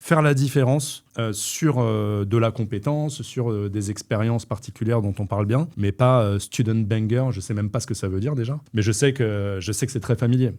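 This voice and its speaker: A man's voice: on the low side, moderate pace, hardly any pauses, dark tone. A man on an interview jury, reacting bluntly and candidly while commenting on a candidate. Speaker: jury member. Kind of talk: casual commentary.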